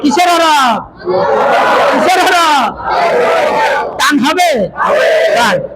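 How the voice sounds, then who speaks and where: A man teaching a Quran reading class, drilling letter rules loudly and having the students repeat after him. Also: very high-pitched, expressive, extremely slow. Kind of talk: classroom teaching with call and response. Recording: loud room noise and crowd.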